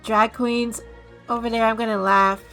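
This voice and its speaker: A woman's voice: a little high, level tone, moderate pace, fairly bright tone, faint music behind. A woman streamer giving snarky, dismissive running commentary on a games showcase. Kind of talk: casual mocking commentary.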